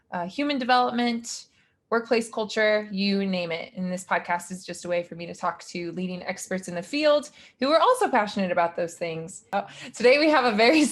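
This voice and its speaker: A young woman hosts a podcast interview in a chatty, gushing way, with plenty of likes and ums. Her pitch sits in the middle range for a woman. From Utah, United States. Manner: warm, gushing, chatty with fillers. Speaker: podcast host, grad student.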